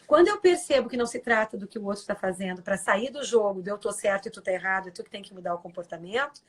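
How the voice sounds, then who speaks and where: A woman's voice: mid-range voice, quick pace, slightly rough. A woman giving an earnest, explanatory talk as a guest on a live stream, acting out quoted lines and often checking in with tag questions.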